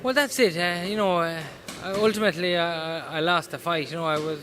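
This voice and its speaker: High-voiced man with west of Ireland accent. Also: a little fast, music in the background. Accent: west of Ireland, Mayo. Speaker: professional boxer being interviewed. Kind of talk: casual interview answers. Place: indoors in a boxing gym. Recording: busy gym noise behind voice.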